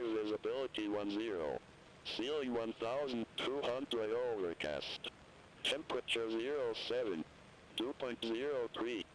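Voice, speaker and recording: A man's voice: mid-range voice, a little hiss or hum, rough recording. Man reading an automated airport weather broadcast. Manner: flat, even, formulaic readout. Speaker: airport information service voice.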